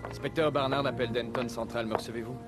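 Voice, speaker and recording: A man's voice: mid-range voice, fairly even intonation, fast, loud music behind the voice. An actor playing a young male detective constable, reporting in over a police radio in clipped, formal procedure, in a dubbed TV crime drama. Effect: speaking over a police radio.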